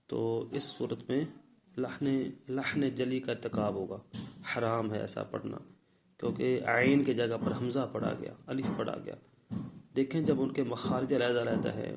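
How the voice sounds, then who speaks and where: A man teaching the rules of Quran recitation step by step, often checking in with his listeners and then sounding out the words louder as examples. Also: medium pitch, creaky, a little hiss or hum, rough recording. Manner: repeats "theek hai" to check in. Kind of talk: tajweed lesson.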